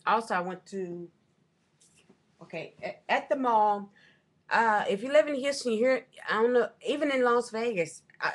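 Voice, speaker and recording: A middle-aged woman with a mid-range, fairly bright voice shows off her purchases on her desk webcam. She's in a small room at home, casually chatting, rambling and self-correcting as she goes.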